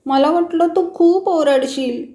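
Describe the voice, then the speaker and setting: A woman voicing a frightened little schoolboy who pleads slowly in a high voice. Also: warm tone. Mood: tearful. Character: little schoolboy, scared and tearful, owning up. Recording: roomy echo.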